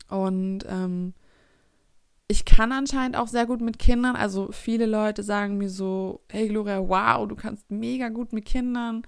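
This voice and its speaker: Gravelly-voiced young woman, reflective. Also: mid-range voice, no room sound, studio quality. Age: 20s. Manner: reflective, searching for words. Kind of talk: casual personal monologue.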